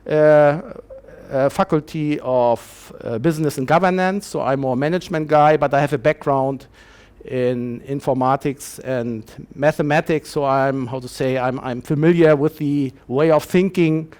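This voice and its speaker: A man's voice: a little high, darkish tone, clear, resonant tone. Man around sixty giving a lecture. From Germany. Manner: halting, many fillers and restarts. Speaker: university lecturer. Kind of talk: conference lecture.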